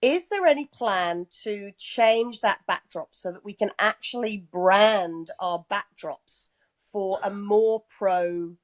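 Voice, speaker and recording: A woman's voice: mid-range voice, takes it slowly. Chatty, polite woman on a live call. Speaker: guest relaying community questions. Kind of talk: casual chat.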